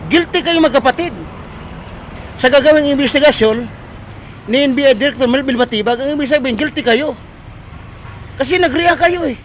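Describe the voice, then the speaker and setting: A Filipino man delivers a ranting political commentary in an unusually high voice. He hammers listeners with repeated, accusing rhetorical questions. Faint traffic noise sits behind him. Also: fairly bright tone.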